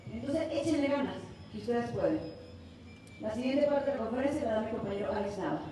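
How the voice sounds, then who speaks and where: Speaking a little fast in a fairly high voice, this thirtysomething Mexican woman, accented in Mexican Spanish, presents at a university conference. Her storytelling is lively and she acts out the scene, captured from afar in a very echoey auditorium with faint noise.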